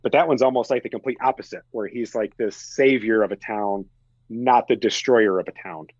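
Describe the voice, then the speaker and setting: A man's voice: lowish voice, steady tone, moderate pace, a little mellow, no room sound, muffled recording. A man guest on a podcast, chatting casually about movies, laughing often and acting out quotes. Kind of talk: casual film chat.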